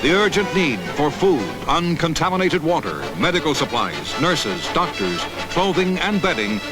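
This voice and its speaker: A man's voice: fairly high pitch, very animated, moderate pace. A man narrating a 1960s newsreel in an emphatic, dramatic announcer delivery. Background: loud music score.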